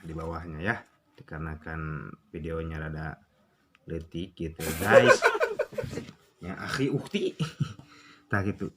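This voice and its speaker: A young man with a Sundanese accent gives a relaxed recitation lesson, his voice very low yet bright and sharp. He speaks slowly, stretches each example word, and keeps putting questions to himself before answering them. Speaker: Quran recitation teacher. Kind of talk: casual tutorial explanation.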